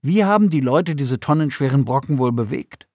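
A man doing a patient, gently amused father. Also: medium pitch, moderate pace, no echo, clean studio sound, close to an everyday voice. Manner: calm, explanatory, fatherly.

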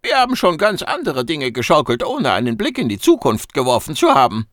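A man reading an audiobook and voicing a cheeky little male mouse-beaver alien, squeaky and boastful. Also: huge pitch swings, fairly quick, a bit bright, no echo, studio quality. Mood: teasing.

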